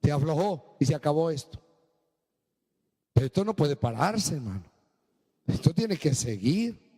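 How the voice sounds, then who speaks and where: High-voiced preaching pastor in echoing hall. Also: male voice, big pitch swings, mellow, husky. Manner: preaching with sudden swings from low and slow to high and emphatic. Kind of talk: sermon.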